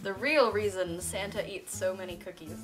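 A woman's voice: medium pitch, moderate pace, music in the background, rough recording. A young woman guest in casual, teasing banter with her friend. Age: young adult. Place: indoors in a decorated room.

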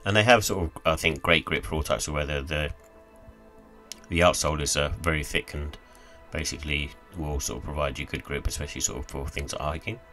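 Very deep-voiced man reviewing sneakers. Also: fairly even intonation, fairly quick, bright, forceful tone, soft background music. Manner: rambling, many fillers like "sort of" and "kind of". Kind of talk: casual product review voice-over.

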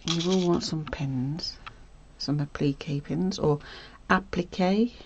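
A woman hosting a casual stitching tutorial, chatty and self-correcting, often dropping to a soft murmur as she works. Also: deep voice, slow pace, dull audio, slight background noise. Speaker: sewing tutorial host.

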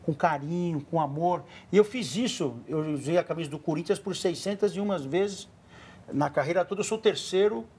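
A man's voice: fairly high pitch, brisk, darkish tone, breathy edge. A man in his forties with a São Paulo accent, a studio guest chatting casually and giving earnest advice to children. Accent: São Paulo Portuguese. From Brazil. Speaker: studio guest, former goalkeeper.

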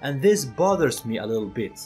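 A man of middle pitch makes an earnest, persuasive case as the host of an online opinion video, turning to speak directly to his viewers. His voice-over sits over soft background music. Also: big pitch swings, moderate pace. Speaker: channel host.

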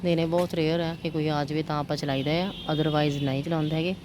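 Low-voiced woman vlogging over noise. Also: steady tone, quick pace. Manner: chatty, addresses viewers with frequent tag questions. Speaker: home vlogger and mother. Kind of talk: casual daily-routine vlog chat. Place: around the house, partly outdoors. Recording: noisy handheld home recording.

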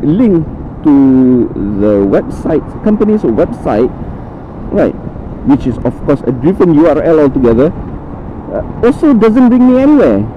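A man talking casually while riding a motorcycle, speaking inside a full-face helmet, rambling with halting restarts and fillers. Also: fairly high pitch, sing-song. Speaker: motovlogger reviewing a helmet. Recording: muffled lo-fi audio with road and wind noise.

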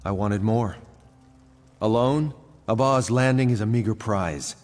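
An actor playing a weary, resigned retired criminal schemer in a video game, with a measured, theatrical delivery. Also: male voice, on the low side, darkish tone, natural voice. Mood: weary, confessional. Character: retired male crime schemer turned painter, weary and resigned. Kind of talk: video game character dialogue. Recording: reverberant hall sound, faint music behind.

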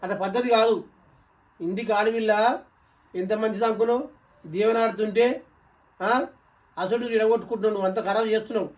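Telangana man, village sketch, rapid insistent nagging, mic set back. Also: high voice, steady tone, distant mic. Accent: Telangana Telugu. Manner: scolding, insistent, rapid talk. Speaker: younger brother and husband in a family sketch. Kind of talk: scripted village comedy sketch.

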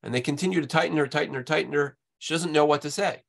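A man, a rabbi, giving a slide lecture in a halting way, often repeating words as he goes. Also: on the high side, creaky.

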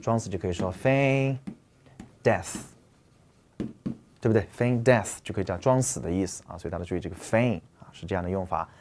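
A man's voice: low voice, brisk, long pauses, darkish tone, slight background noise. A man teaching English vocabulary in an explanatory lecture, asking his listeners rhetorical questions and repeating key words.

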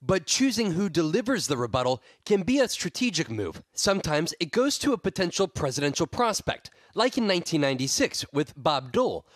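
Lively-voiced male news correspondent. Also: a little high, brisk, few pauses, no echo. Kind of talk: scripted news report narration.

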